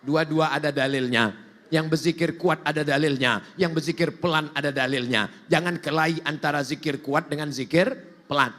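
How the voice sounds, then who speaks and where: High, bright-voiced preacher in a hall. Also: male voice, moderate pace. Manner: animated storytelling, swings between high and low. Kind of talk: sermon. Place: large mosque. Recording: long hall reverb.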